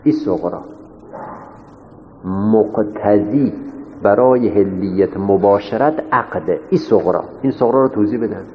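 A man teaching a seminary class, repeating each point and asking his students rhetorical questions. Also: fairly low pitch. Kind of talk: classroom lecture. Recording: echoey hall, dull lo-fi sound with faint noise.

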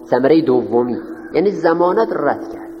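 A man's voice: fairly high pitch, lively intonation, a little hiss or hum. A man teaching a class in a lecture style, dictating notes and putting questions to his students, then answering them himself. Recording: roomy, echoing hall on dull lo-fi audio.

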